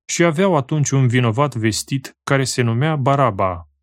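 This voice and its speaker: A man reading scripture aloud in a solemn, slow and measured way, pausing phrase by phrase. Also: mid-range voice, animated, no echo. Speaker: scripture reader.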